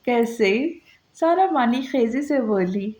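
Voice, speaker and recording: A woman reading an Urdu romance novel aloud in a steady storybook manner, voicing every character herself. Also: on the high side, normal speed. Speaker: novel narrator. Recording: dull lo-fi recording.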